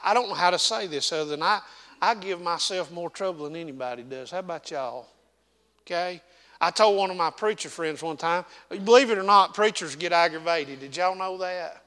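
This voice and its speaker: A man's voice: on the high side, bright, forceful tone, in a large hall. A man with an Appalachian hillbilly accent preaching a folksy, dynamic sermon in a church. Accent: Southern Appalachian. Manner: folksy, dynamic, drawn-out emphasis. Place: church sanctuary.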